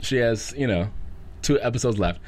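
A man's voice: medium pitch, moderate pace, a little mellow. A man co-hosting a casual TV recap show, easygoing and rambling with many fillers. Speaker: show co-host.

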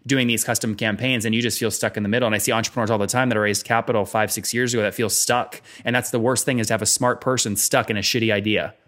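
Fast-talking blunt male interviewer. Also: on the low side, fairly even intonation, fairly bright tone. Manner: blunt, rapid probing questions. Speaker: podcast host.

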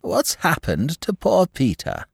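A man's voice: on the high side, huge pitch swings, gravelly, slightly rough, dry recording, clean studio sound, pitched above the performer's own voice, exaggerated voice. A man putting on a gossipy old duchess. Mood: concerned. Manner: breathless gossipy aside, rapid changes of subject. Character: chatty aristocratic elderly duchess, brisk and gossipy.

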